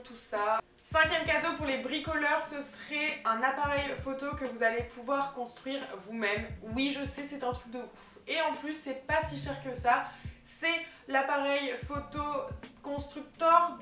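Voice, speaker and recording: A woman's voice: sits high, steady tone, normal speed, pushed and bright. A young woman vlogger chatting enthusiastically about gift ideas, with plenty of fillers. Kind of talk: casual vlog chat. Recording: echoey room with faint music.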